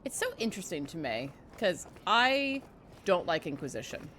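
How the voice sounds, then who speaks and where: A woman's voice: on the low side, sing-song, normal speed, fairly bright tone, slight background noise. A woman casually commenting while playing a game, chatty and wry, now and then swearing. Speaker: let's play streamer.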